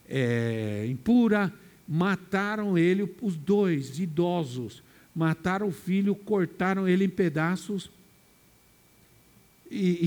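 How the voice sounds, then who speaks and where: Pastor guy preaching, highish voice, repeats himself a lot. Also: darkish tone. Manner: repeats phrases, restarts and asks rhetorical questions. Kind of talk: sermon.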